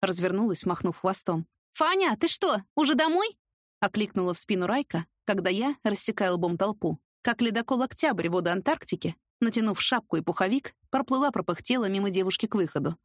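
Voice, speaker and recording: A woman narrating an audiobook in the first person, lively and sarcastic, with an expressive delivery. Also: mid-range voice, fairly quick, hardly any pauses, no room sound, clean studio sound.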